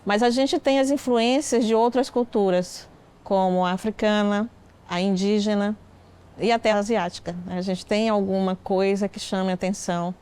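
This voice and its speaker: A woman with a smooth, resonant voice speaks as a food expert in a documentary interview. She talks reflectively at a medium pitch and tags her points with "né". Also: steady tone, moderate pace, a little mellow.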